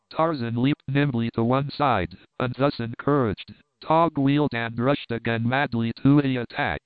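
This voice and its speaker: A man narrates an adventure story in a steady, measured way at a mid pitch. His voice is crisp and resonant. The recording is dry, with no room sound, and thin like a phone line. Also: no room sound. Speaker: audiobook narrator.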